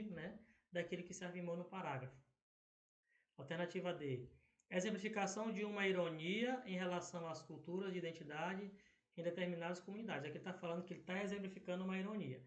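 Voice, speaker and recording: A man's voice: high-pitched, roomy sound. A Brazilian Portuguese-speaking male teacher going through exam questions, often checking in with "tá?" and "né?". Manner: filler-heavy, frequent "tá?" and "né?" checks.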